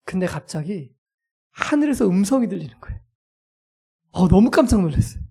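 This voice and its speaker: A man with a fairly high voice preaches a sermon in a storytelling way. He acts out each scene with energy and pokes fun at himself. He sounds like a pastor talking straight to his congregation. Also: brisk, vocal fry, husky. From South Korea. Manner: lively, self-mocking storyteller who acts out scenes.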